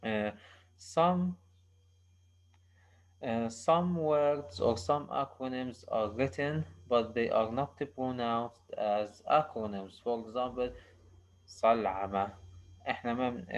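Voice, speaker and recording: A male university lecturer, explaining slowly and haltingly in English and switching quickly into for examples. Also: mid-range voice. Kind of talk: recorded lecture.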